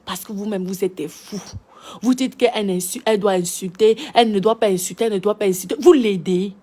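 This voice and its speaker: A woman's voice: mid-range voice, a little fast, warm tone. A woman with a Cameroonian French accent, scolding her audience in an impassioned monologue full of repeated rhetorical questions. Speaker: social media commentator. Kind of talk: impassioned live-video monologue.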